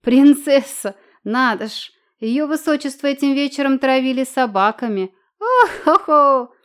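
A woman's voice: high-pitched, expressive, a little slow, fairly bright tone, pitched above the performer's own voice. A woman narrator voicing a coarse townsman who mocks and roars with laughter, in an audiobook. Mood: mocking. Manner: guffawing, mocking.

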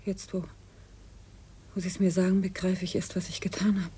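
A woman's voice: on the low side, steady tone, moderate pace, mellow, husky. An actress playing a frightened, guilt-stricken female witness in a 1950s radio drama, hesitant and half-whispering. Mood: fearful.

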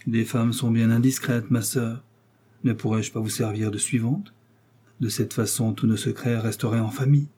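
A cold, sardonic English nobleman, read by a man in a mellow, husky voice. He needles and threatens with unhurried, icy courtesy. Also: medium pitch, fairly even intonation, natural voice. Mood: contemptuous. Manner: sardonic, coolly menacing. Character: cold, mocking English lord, middle-aged.

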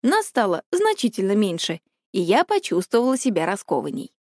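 Expressive woman narrating a story. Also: mid-range voice, brisk, no room sound, clean studio sound. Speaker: audiobook narrator. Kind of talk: first-person storytelling.

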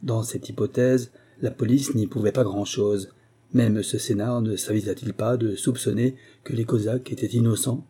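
A man reading a first-person memoir aloud, in measured, even storytelling. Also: fairly low pitch, husky. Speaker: audiobook narrator. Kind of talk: scripted narration.

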